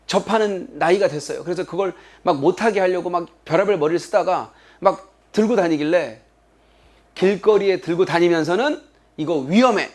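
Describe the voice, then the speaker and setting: Middle-aged male English lecturer, high voice, animated classroom delivery. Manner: animated, acts out quoted children in a higher voice. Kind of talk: exam prep lecture.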